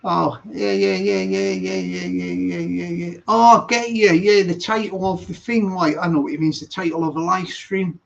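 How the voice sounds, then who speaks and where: In a high-pitched, sing-song, creaky voice, a man talks at a moderate pace with hardly any pauses. Casually answering his live-stream viewers, he reads their comments aloud, rambling and repeating himself over dull lo-fi audio.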